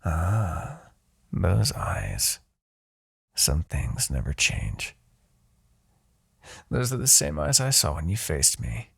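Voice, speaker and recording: For a fantasy ASMR roleplay, a man voices a smug, seductive demon king who taunts and manipulates, his voice low and gravelly. He goes slowly with long pauses and big pitch swings, his exaggerated, theatrical delivery drawing words out with condescension in a smug, coaxing mood.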